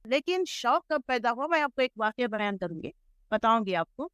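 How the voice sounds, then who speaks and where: A woman's voice: on the high side, big pitch swings, a bit bright, smooth, dry recording, studio quality. Earnest middle-aged woman recalling her life. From Hyderabad, India. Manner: measured, earnest storytelling with English words mixed in. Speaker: interview guest, Islamic scholar. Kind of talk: reflective life-story interview.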